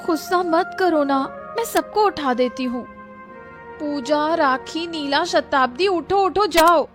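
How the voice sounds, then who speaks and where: A woman's voice: high-pitched, slow, music in the background. A woman playing a soothing young granddaughter. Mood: coaxing. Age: young adult. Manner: coaxing, placating.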